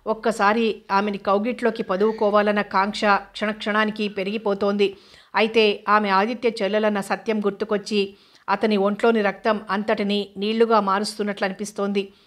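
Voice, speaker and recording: Woman reading a novel out loud, flat steady voice. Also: medium pitch, brisk. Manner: steady, even storytelling. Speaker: audiobook narrator.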